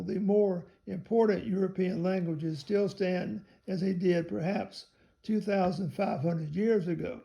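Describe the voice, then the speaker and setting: A man with a high, gravelly voice reads aloud from a theology text, measured and careful. His tone is dark and mellow, and he spells out some words letter by letter along the way.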